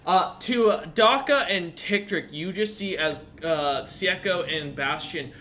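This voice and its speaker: Man, game master, higher pitch, sharp bright tone, halting improvised fantasy narration. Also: slight background noise. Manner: halting, descriptive.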